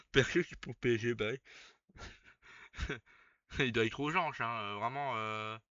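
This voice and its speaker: A young man, chatting casually on a live stream as he reacts, swearing and breaking into loud laughs. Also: medium pitch, wildly swooping pitch, takes it slowly, no room sound, muffled recording. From Belgium.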